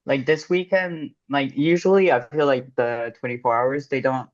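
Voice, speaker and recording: A man's voice: mid-range voice, fairly even intonation, moderate pace, no echo. Young man, French accent, rambling casual chat, dry muffled recording. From France. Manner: rambling, many fillers. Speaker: podcast co-host.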